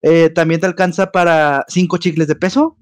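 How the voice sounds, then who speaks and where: A man's voice: fairly high pitch, steady tone, moderate pace, dry recording, studio quality. A young man, joking in slangy casual podcast chat and sometimes stammering. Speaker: podcast co-host.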